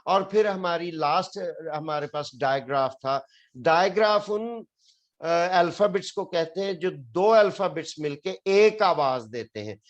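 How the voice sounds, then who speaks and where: Man, classroom lecture, patient, repeats words aloud, slightly high pitch. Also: unhurried. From Pakistan. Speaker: English teacher.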